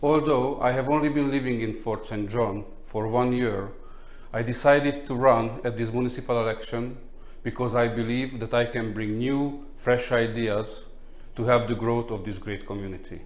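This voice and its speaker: A man from Hungary introduces himself politely and in a measured way, his mid-pitched voice carrying a roomy echo. He reads it as a campaign statement. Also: fairly even intonation. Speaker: council candidate. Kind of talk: read self-introduction.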